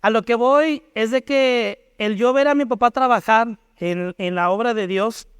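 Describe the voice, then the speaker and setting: A man's voice: extremely high pitch, a little slow, fairly bright tone, clean tone, no echo, studio quality. A man with a Mexican accent giving a personal testimony at a church panel, acting out remembered dialogue as he tells it. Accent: Mexican Spanish.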